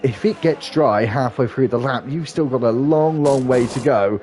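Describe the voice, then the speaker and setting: At normal speed and in a mid-range voice, a man provides live play-by-play of an online sim race, talking continuously with occasional small restarts. He sounds a little stuffed up from hay fever, and the recording carries a slight hiss or hum.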